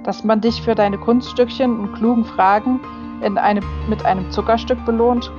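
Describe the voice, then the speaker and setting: A woman's voice: a little high, fairly even intonation, normal speed, close to an everyday voice. A woman voicing a stern, commanding older female warrior angel who speaks curtly and urgently. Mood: scolding. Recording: slightly dull with faint music.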